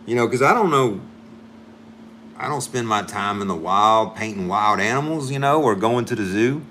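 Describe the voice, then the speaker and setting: The artist's voice is fairly low and fairly bright as he draws on stream, rambling casually and thinking aloud. Every so often he drops in a French phrase, not very expertly. A little background noise can be heard.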